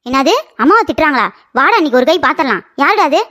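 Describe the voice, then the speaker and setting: A woman voicing a bold elder sister in a cartoon story who rushes in to defend her mother. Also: sits high, lively intonation, noisy background. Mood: defiant. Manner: defiant.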